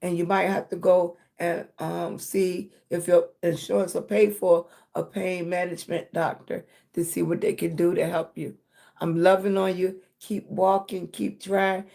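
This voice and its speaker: Low, creaky, and dark in tone, the American woman's voice stays level at a measured pace. She's a content creator hosting a motivational livestream chat, speaking emphatically and affectionately, checking in often, and calling her viewers sweetie and baby.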